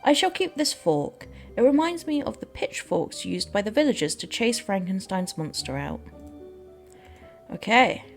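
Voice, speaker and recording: A woman's voice: mid-range voice, sing-song, unhurried, creaky, faint music behind. A woman doing game playthrough commentary and reading the dialogue aloud as she plays.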